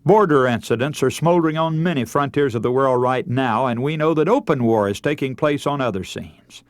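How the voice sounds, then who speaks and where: This radio preacher and broadcast host delivers a scripted sermon in a medium-pitched, fairly quick voice, earnest, emphatic and oratorical, posing rhetorical questions to listeners. The studio sound is clean, with no room sound.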